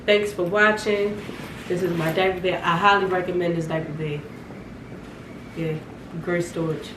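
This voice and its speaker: A young woman vlogging casually to her viewers, relaxed and chatty and short of breath. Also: on the low side, moderate pace. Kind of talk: casual chat to camera. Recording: echoey room, voice a bit far from mic, clear background noise.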